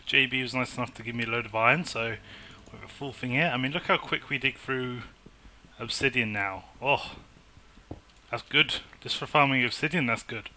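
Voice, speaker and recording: A man commentating his own game, excitable and chatty as he talks himself through it. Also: medium pitch. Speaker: gaming YouTuber. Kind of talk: casual Minecraft let's play commentary.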